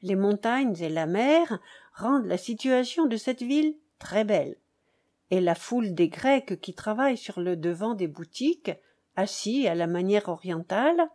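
A woman reads classic literary prose aloud as an audiobook narrator. Her voice is mellow and warm, without sharp edges. She takes a slow, unhurried pace with steady phrasing. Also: mid-range voice.

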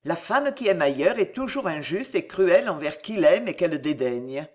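A narrator giving a dramatic, expressive reading of a period novel. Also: mid-range voice, moderate pace.

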